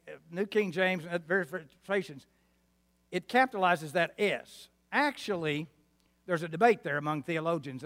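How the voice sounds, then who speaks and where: A man's voice: high-pitched, fairly bright tone. A man in his seventies preaching a sermon with a West Texas twang, folksy and emphatic, checking in with his listeners. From Arkansas, New Mexico and West Texas, United States. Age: 70s. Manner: folksy, emphatic, asks the congregation for responses. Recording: reverberant hall.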